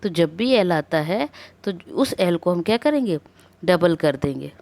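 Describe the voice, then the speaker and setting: Slightly low-voiced woman teaching grammar. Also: lively intonation, creaky, darkish tone. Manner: explains step by step with repeated rhetorical questions and checks; reads English rules out slowly and carefully. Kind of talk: classroom lecture on grammar.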